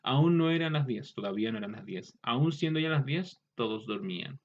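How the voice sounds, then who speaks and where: A man's voice: mid-range voice, lively intonation, slight background noise. Man explaining grammar, dull lo-fi sound. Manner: explaining with repeated example words and quick asides. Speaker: teacher. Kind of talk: grammar lesson. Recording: slightly dull lo-fi recording.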